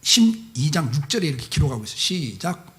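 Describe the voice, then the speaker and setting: Male preacher, fairly high voice with a very lively melody, storytelling sermon with acted-out dialogue and jokes. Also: a little fast. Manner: lively storytelling, acting out dialogue with humorous asides. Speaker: guest pastor. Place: church service.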